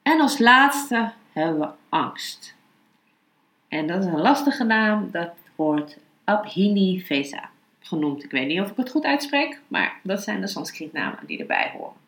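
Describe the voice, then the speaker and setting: Woman teaching calmly in an echoey room. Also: medium pitch, a little slow. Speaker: yoga philosophy and meditation teacher, podcast host. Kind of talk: spoken lesson, then slow guided meditation. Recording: roomy, echoing sound.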